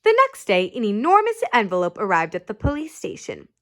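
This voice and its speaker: A woman's voice: medium pitch, wildly swooping pitch, a little fast, a bit bright. A woman reading a children's picture book aloud expressively, phrase by phrase, with dramatic emphasis. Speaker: storybook reader.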